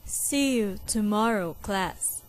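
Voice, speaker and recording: Brief: a friendly teacher in a storybook, cheerful and clear, read by a woman. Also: medium pitch, animated, slow pace.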